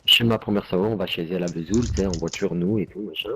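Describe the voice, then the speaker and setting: A man's voice: deep voice, fast talker, heavy background noise. A young man telling a casual anecdote to friends in street slang, peppered with slang tags and fillers. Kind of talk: casual anecdote told to friends while gaming.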